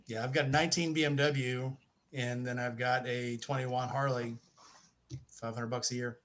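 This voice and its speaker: A man's voice: mid-range voice, flat delivery, moderate pace, fairly bright tone. A middle-aged man hosting a casual podcast chat. He rambles, corrects himself mid-sentence and jokes. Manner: rambling, self-correcting, joking. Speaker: podcast host.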